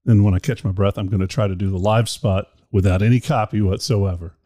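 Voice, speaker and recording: Brief: male podcast host, low voice, dry close sound, rambling chatty delivery. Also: steady tone, brisk, mellow, no room sound. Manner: rambling, chatty, self-deprecating. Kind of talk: casual chat. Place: indoor room.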